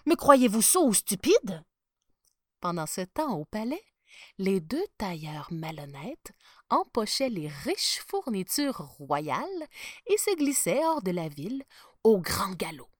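A woman reading a storybook aloud, slipping into hushed tones with dramatic pauses. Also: medium pitch, big pitch swings, no room sound, clean studio sound.

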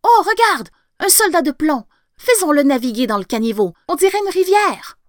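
A woman voicing an excited young child in a storybook reading, exclaiming eagerly. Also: sits high, moderate pace, no echo, clean studio sound, voice pushed up.

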